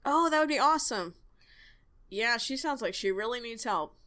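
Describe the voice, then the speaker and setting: A woman playing a smooth late-night radio host. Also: fairly high pitch, lively intonation, normal speed, sharp tone. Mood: easygoing. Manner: easygoing, chatty on-air patter.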